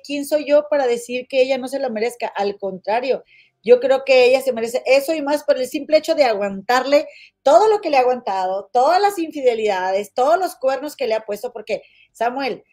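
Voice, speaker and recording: A woman's voice: sits high, expressive, fairly quick, darkish tone. A woman with a Mexican accent hosting a casual livestream, gossiping bluntly and calling her viewers comadres as she reads their comments. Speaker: livestream host.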